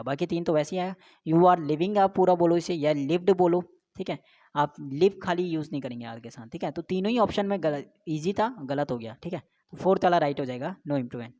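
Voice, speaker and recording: A woman teaching an exam-prep grammar lesson, reading sentences out slowly and explaining step by step. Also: low-pitched, darkish tone.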